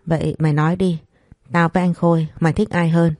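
A woman's voice: low voice, level tone, fast talker, darkish tone, no room sound, studio quality. A woman voicing a sick young man who still teases sharply. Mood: teasing. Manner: teasing, weak.

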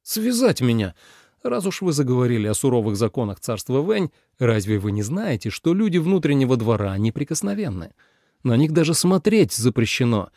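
A man's voice: mid-range voice, dark tone, no echo, studio quality. A man voicing a proud, defiant young nobleman who speaks curtly and mockingly in a storybook reading. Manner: curt, mocking.

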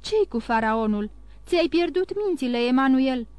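A woman's voice: high-pitched, animated, darkish tone, smooth, no room sound. A woman voicing a distraught older merchant father who questions in bewildered disbelief. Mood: disbelieving.

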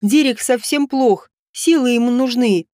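A woman's voice: a little high, a little slow, a little mellow, dry recording, studio quality, lightly acted. A woman reading the lines of a desperate young peasant wife who begs for mercy through tears. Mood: pleading. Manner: pleading, sobbing.

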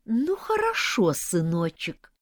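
A woman's voice: medium pitch, huge pitch swings, slow, darkish tone, no echo, clean studio sound, pitched above the performer's own voice, full character voice. A woman voicing a jealous, manipulative snake mother-in-law who whines and pities herself. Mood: menacing sweetness. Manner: whiny, self-pitying.

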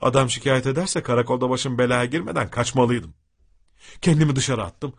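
A man telling a humorous story aloud in a lively, dramatic manner. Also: mid-range voice, brisk.

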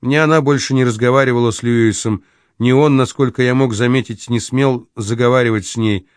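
A man's voice: mid-range voice, fairly even intonation, fairly quick, no echo. Male audiobook narrator, dry close sound. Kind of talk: scripted narration.

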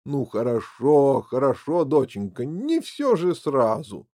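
A man's voice: mid-range voice, huge pitch swings, slow, mellow, pitched below the performer's own voice, heavily acted. A man reading an audiobook and voicing a meek, indulgent father who hems and soothes his daughter. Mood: placating. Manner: hesitant, placating, hemming.

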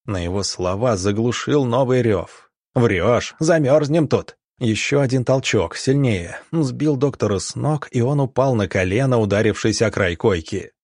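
A man narrating an audiobook in a tense, measured storytelling manner. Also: medium pitch, a little mellow, no room sound, clean studio sound.

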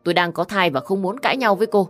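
A woman's voice: medium pitch, fast, soft background music, voice pushed up, close to an everyday voice. A woman voicing a pregnant young wife who pleads and defends herself in an audio story. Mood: pleading.

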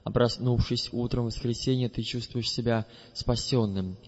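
With a steady tone and mid-range pitch, a man reads a first-person audiobook slowly and deliberately. The audio comes across as dull and a bit muffled, lo-fi, with long reverb lingering behind every phrase.

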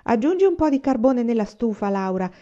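A woman reading aloud and voicing a firm, practical pioneer mother who speaks in a calm, steady way. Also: a little high, brisk, voice pushed up. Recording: slightly dull lo-fi recording.

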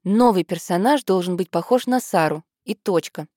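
A woman's voice: on the low side, warm tone, no room sound, studio quality, lightly acted. A woman voicing a bossy, decisive teenage girl who writes plays, in an audiobook. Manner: brisk, decisive. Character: teenage girl Harriet, bossy aspiring playwright.

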